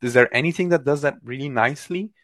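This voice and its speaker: Man, mid-pitched, opinionated and emphatic, casual tech chat, dry close recording. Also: a bit bright, no echo. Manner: emphatic, opinionated, quick to argue. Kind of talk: casual technical discussion.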